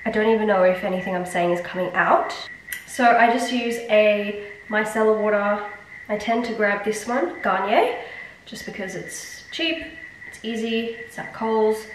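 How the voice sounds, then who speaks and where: A young beauty vlogger with a nasal, congested voice from blocked sinuses rambles casually through her skincare routine, poking fun at herself. Her medium-pitched voice moves at normal speed, picked up by a distant mic in an echoey bathroom with slight background noise.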